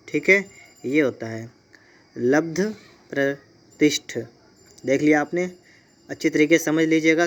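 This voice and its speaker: A man teaching Hindi spelling for exam preparation, patiently explaining each option and repeating key points. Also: on the high side. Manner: patient, repeats points, says "ठीक है" often.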